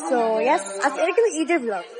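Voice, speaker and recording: A woman's voice: high-pitched, sing-song, brisk. A woman, casually narrating a vlog and mixing English phrases into her talk. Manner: mixes English phrases into Bengali, chatty. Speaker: vlogger. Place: busy indoor public food court. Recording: loud crowd and noise of a busy food court.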